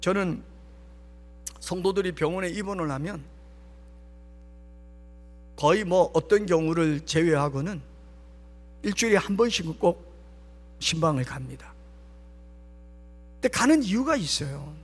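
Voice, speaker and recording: A man's voice: high-pitched, expressive, measured pace, pauses often. A male pastor giving an emphatic sermon at a late-night prayer meeting, sometimes dropping to a whisper for stress. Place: church sanctuary. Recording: long church hall reverb.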